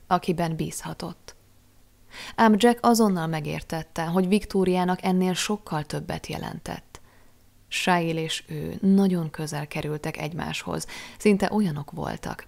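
A woman narrating an audiobook in a measured, expressive storytelling manner. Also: on the low side, vocal fry. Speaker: audiobook reader.

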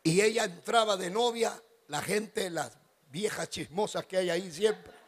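Man, middle-aged pastor, lively joking sermon, fairly high voice, sudden shouts. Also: unhurried, husky. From Ecuador. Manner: animated joking storyteller, bursts into shouts. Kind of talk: humorous wedding sermon.

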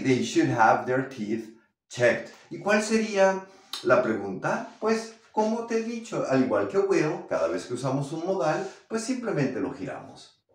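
A man teaching English to Spanish speakers, slowly drawing out model phrases. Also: medium pitch. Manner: slow, drawn-out model phrases. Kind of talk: language lesson. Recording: echoey room, far from mic.

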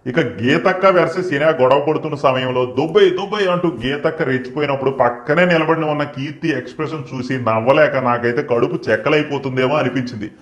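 A man's voice: mid-range voice, fast, few pauses, roomy sound. A man giving satirical commentary as a channel host, mocking and acting out the quoted lines. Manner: mocking, acts out quoted lines in shifted voices. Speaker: channel host and reality-show critic.

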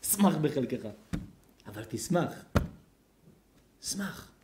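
A man, a rabbi, giving a sermon to a congregation, dramatic and swinging from loud outbursts to near-whispers. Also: fairly high pitch, big pitch swings, slight background noise. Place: community lecture hall. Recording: echoey hall.

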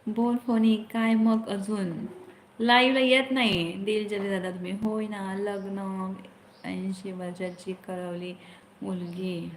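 A woman hosting a live stream on her phone, chatting along at a middling pitch. She reads out her viewers' comments and answers them with friendly advice. Her voice bounces around a roomy space, and a faint hiss sits underneath. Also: level tone, takes it slowly. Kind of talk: casual live-stream chat.

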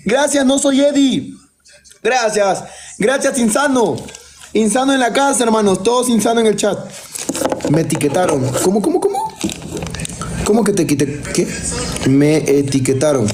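A man's voice: sits high, normal speed, noisy background. A man hosting a live stream, hyping his viewers and thanking supporters by name. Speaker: livestream host. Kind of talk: TikTok live stream chat.

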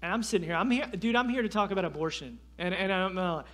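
High, bright, animated preacher. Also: male voice, fast talker. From North Carolina, USA. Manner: animated, self-deprecating, frequent restarts and fillers. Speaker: guest preacher. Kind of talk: sermon storytelling. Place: church sanctuary.

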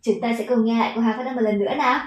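A woman's voice: on the high side, fairly even intonation, roomy sound, poor audio. Encouraging Vietnamese woman teaching kids. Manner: patient, encouraging, drawn-out model words. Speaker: English teacher. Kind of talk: children's pronunciation lesson.

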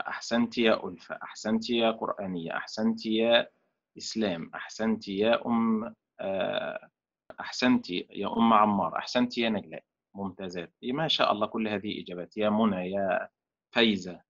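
A male lecturer teaching an online class. He speaks slowly and deliberately, sounds out syllables, and leaves questions half finished for his students to complete. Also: lowish voice, a bit bright. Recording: dull lo-fi sound.

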